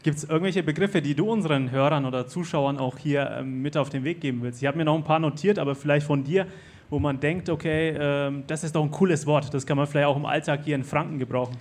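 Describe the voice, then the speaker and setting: A man hosts a casual live talk. His voice is fairly high for a man, and he moves between questions to his guest and remarks to the audience. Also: fast talker. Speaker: host.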